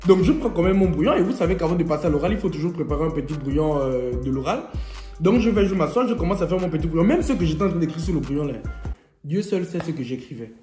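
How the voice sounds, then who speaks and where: Young male vlogger, high voice, playful storyteller, echoey room, faint music underneath. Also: fast. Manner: lively, joking storyteller who laughs often. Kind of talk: storytime vlog.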